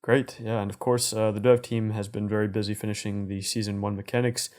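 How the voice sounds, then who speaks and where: A man with a mellow, dark voice and a fairly narrow pitch range hosts a project update. He talks conversationally but keeps his wording measured and corporate. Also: level tone. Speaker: host of community update show.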